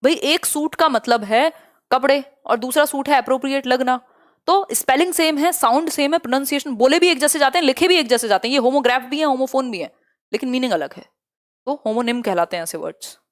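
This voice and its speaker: Lively woman teaching an exam-prep class. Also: high-pitched, a little fast. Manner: lively, asks students many check questions; mixes Hindi and English terms. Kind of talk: online exam-prep lesson.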